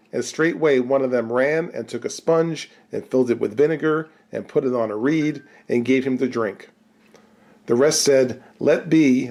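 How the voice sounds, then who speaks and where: Man reading scripture aloud. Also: medium pitch. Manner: steady, formal reading. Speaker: scripture reader.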